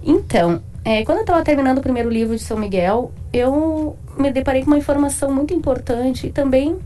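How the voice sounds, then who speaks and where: A guest author from Porto Alegre, speaking with a southern Brazilian Portuguese accent, explains her faith during a radio studio interview. Her voice sits high with a dark tone, she talks fast, and she often adds tag questions.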